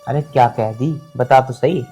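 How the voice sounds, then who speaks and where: A man's voice: a little high, expressive, fairly quick, breathy edge, faint music behind. An actor playing a young husband torn between wife and mother, talking urgently and protectively.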